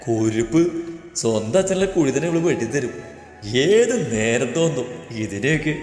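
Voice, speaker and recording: A man voicing a joking, henpecked middle-aged father in a storybook, with dry, slow teasing. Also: mid-range voice, expressive, a little mellow, natural voice. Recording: echoey reverberant room with music.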